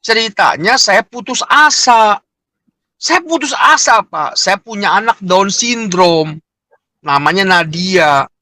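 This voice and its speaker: Animated middle-aged man, bright high voice. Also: takes it slowly, no room sound. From Indonesia. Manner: emotional, animated storytelling with frequent "Pak". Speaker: interviewee. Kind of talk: personal testimony.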